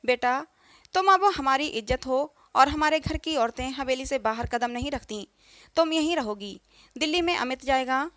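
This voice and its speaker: A woman's voice: high-pitched, lively intonation, moderate pace, fairly bright tone, dry recording. A woman doing a stern family patriarch. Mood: commanding. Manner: commanding, firm. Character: stern elder brother-in-law, head of the house.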